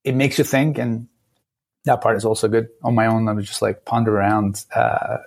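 Pausing often as he hunts for the right words, a late-thirties Turkish man with a Turkish accent talks thoughtfully as a guest on a podcast interview in a casual setting. He has a fairly low, gravelly voice and a flat delivery.

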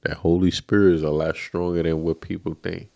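A man's voice: sits low, level tone, brisk, vocal fry, a little mellow. A man co-hosting a casual faith podcast in a laid-back, affirming way, often saying "man.". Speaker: podcast co-host.

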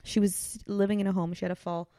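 A woman talking in a casual chat, emotional and halting, with many fillers, close to tears. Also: mid-range voice, flat delivery, warm tone, dry recording. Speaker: podcast guest.

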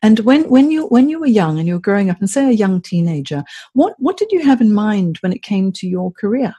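A woman's voice: medium pitch, very animated, brisk, warm tone, breathy edge. A woman hosting a podcast, presenting and interviewing in a conversational style. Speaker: podcast host.

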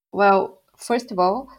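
A young Bulgarian woman with a Bulgarian accent is a guest in a casual interview, recounting things unhurriedly and laughing often. Her voice is mid-range, and the recording quality is low.

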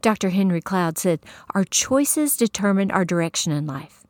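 A woman's voice: medium pitch, animated, normal speed, darkish tone, dry recording. Folksy woman preaching, dry sound. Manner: folksy, self-deprecating storytelling, addresses listeners as folks and y'all. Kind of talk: testimony sermon.

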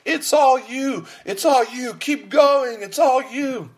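A preacher putting on the voice of an excited teenage boy cheering his friend on at the gym, hollering encouragement. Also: high-pitched, normal speed, voice pushed up.

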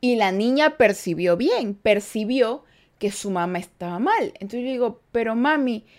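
A woman's voice: medium pitch, expressive, unhurried, darkish tone. A young woman hosting a casual podcast, chatting with listeners and acting out quoted parents. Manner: conversational, reads listener comments, acts out quoted parents. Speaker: podcast host.

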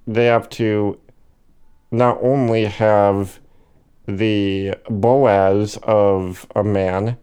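A man talking slowly and reflectively in a personal monologue, hesitating with fillers and correcting himself, with hiccups now and then. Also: lowish voice, mellow, clean tone. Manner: slow and hesitant, many fillers and self-corrections. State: has the hiccups.

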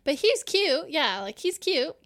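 A woman's voice: high-pitched, very animated, unhurried, a bit bright. A woman co-hosting a podcast, chatting casually in an earnest, giggly way. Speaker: podcast co-host. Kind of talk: casual chat.

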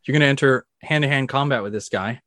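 A man narrating a tabletop game as dungeon master, telling the action vividly and excitedly, with sound effects. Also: mid-range voice, quick pace, no echo, studio quality.

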